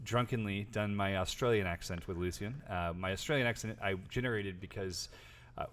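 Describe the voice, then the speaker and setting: A man's voice: on the low side, fairly quick, slight background noise. A man hosting a podcast in casual chat, playful and rambling, laughing often. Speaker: podcast host. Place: lives in Florida.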